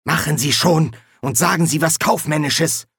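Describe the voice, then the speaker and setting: A man's voice: on the high side, normal speed, fairly bright tone, breathy edge, dry recording, clean studio sound, pitched above the performer's own voice. A man voicing an urgent old wizard professor who hisses his words. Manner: hissing, pressing.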